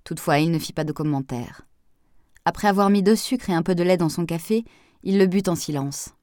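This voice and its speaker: An audiobook narrator with a low voice reads a novel in scripted narration. Her delivery is brisk and a little mellow. The studio sound is clean, with no room sound.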